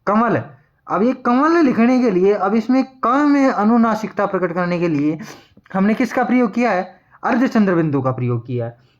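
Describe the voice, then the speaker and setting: A man teaching Hindi grammar, repeating each word slowly and answering his own questions as he writes. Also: sits high, dull audio. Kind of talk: classroom lesson at a board.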